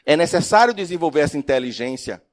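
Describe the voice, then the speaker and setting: A spiritist speaker and professor gives a religious lecture, telling expressive stories, asking the audience questions, and swinging from loud to soft. He talks fast in a voice on the high side.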